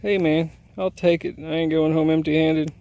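A man's voice: on the high side, little pitch movement, normal speed, dark tone. A man casually narrating an outdoor arrowhead hunt in a crop field, easygoing and self-deprecating, recorded on a handheld camera. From Indiana. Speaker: arrowhead hunter filming his finds. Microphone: handheld camera mic.

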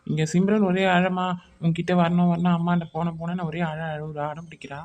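A woman's voice: fairly low pitch, flat delivery, a little fast, a little mellow, natural voice. A woman voicing a father in a cartoon, scolding and coaxing his crying child. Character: father, impatient but caring. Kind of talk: cartoon voice acting.

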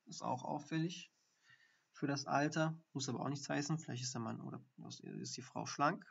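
Gravelly man teaching ECGs live. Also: medium pitch, normal speed. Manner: explanatory, thinking aloud with fillers. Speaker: doctor teaching ECG reading. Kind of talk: live-streamed medical lesson. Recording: dull lo-fi stream audio.

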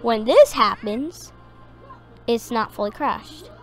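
Woman gamer, high voice, slow unhurried talk, hesitant rambling commentary. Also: animated, fairly bright tone, soft background music. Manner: rambling, hesitant, many ums. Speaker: gaming video creator. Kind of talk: casual gameplay commentary.

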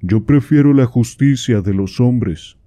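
A man's voice: mid-range voice, unhurried, dark tone, dry recording, voice pushed up, natural voice. A man reading as an anxious cardinal. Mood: pleading.

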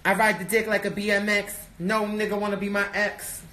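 A man's voice: high voice, level tone, fairly quick, pushed and bright. A young man, a sassy drag queen, chatting casually and playfully bantering on a livestream. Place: indoors, backstage hallway, elevator and dressing room. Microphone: handheld or propped phone. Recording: echoey, noisy handheld phone livestream.

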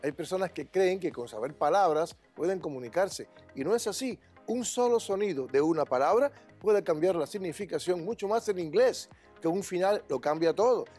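Man, slightly high voice, emphatic and opinionated, English school director, faint music behind. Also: lively intonation, normal speed, a little mellow. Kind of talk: interview answers.

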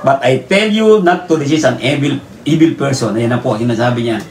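A man with a Filipino accent teaching from the Bible. He reads verses slowly, then explains them with repeated tag questions. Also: medium pitch. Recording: echoey room, distant mic, faint noise.

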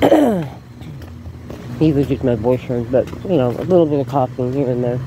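Filming herself on a handheld phone while walking outside, a beauty vlogger with a cold chats casually, rambling and laughing as she tells stories. She sounds congested, with a rumbling low, animated voice at a moderate pace, and the outdoor recording is noisy.

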